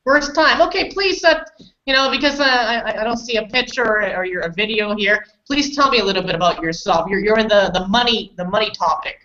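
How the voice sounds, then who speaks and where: This English conversation teacher has a mid-range voice with a sharp tone and talks a little fast in her Canadian accent. Leading a casual online lesson from indoors on a group call, she repeats things and rephrases them simply for her learners. The audio is dull and roomy, typical of an online call.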